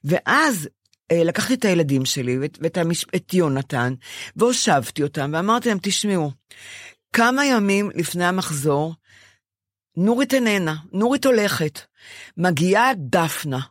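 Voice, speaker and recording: An older woman chats with a co-host, her pitch leaping and dipping as she tells a long personal story. She acts out what she once said to others. The sound is close and dry, with no room around her. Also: dry recording. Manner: animated storytelling, acting out her own past lines. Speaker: podcast co-host. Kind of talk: casual chat.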